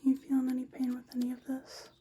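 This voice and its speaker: A woman in a softly ASMR role-play as a folksy, chatty small-town clinic examiner. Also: sits high, completely flat delivery, quick pace, slight background noise. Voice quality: soft, breathy soft voice.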